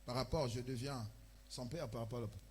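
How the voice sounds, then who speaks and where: A man with a Congolese French accent preaching a sermon as pastor, with loud emphatic bursts and chanted lines. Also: medium pitch, fairly quick, slight background noise. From Republic of the Congo. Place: church.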